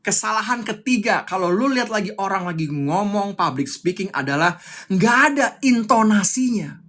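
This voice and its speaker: A man's voice: sits high, expressive, normal speed, fairly bright tone. A young man coaching public speaking on a live stream, fiery and emphatic, repeating his key points.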